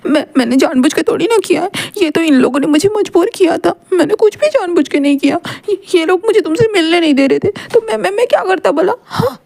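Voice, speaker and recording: A woman's voice: sits high, fast, warm tone. A woman voicing a clingy, possessive young male angel who pleads and whines through tears. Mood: tearful pleading. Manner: pleading, whiny, breaking into sobs.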